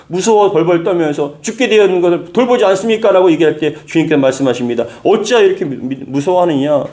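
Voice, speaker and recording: Middle-aged pastor guy preaching sunday sermon, kinda high voice, keeps repeating stuff and building up hard. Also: a little mellow. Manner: emphatic preaching, repeats phrases, rising to strong peaks; reads scripture slowly with the congregation.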